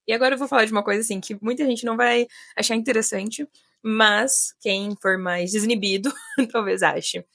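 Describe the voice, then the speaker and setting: Gravelly-voiced Brazilian woman teacher. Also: on the high side, fairly bright tone, no room sound, clean studio sound. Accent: Brazilian Portuguese. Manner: chatty, many fillers like né and sabe. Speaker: English teacher. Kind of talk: casual video lesson.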